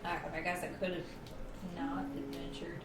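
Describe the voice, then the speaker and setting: A woman's voice: fairly low pitch, completely flat delivery, a little slow. A woman player chatting casually at a tabletop game, with lots of fillers. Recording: roomy sound from a distant mic with music behind.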